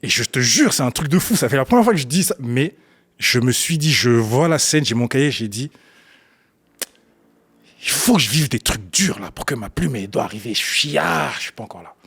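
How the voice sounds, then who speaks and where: A man's voice: medium pitch, normal speed, breathy edge. A young adult man, a guest who is a battle rapper and slam poet, telling his story in a casual interview and acting out the scenes he remembers. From Africa, grew up partly in Ethiopia. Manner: animated storyteller, acts out scenes, bursts of laughter.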